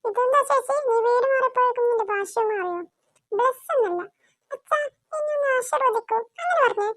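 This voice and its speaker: A woman's voice: very high voice, fairly quick, a bit bright, no echo, studio quality. A woman voicing a cheeky, whiny little girl who teases her older sister in a cartoon. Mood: teasing. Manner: whiny, teasing. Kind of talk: cartoon voice acting.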